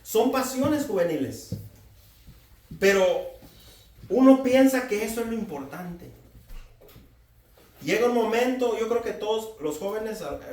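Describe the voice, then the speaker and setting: A man's voice: high-pitched, expressive, measured pace, long pauses, a little mellow, echoey room, far from the mic. A man in his forties preaching a sermon, exhorting and addressing the congregation directly. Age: 40s.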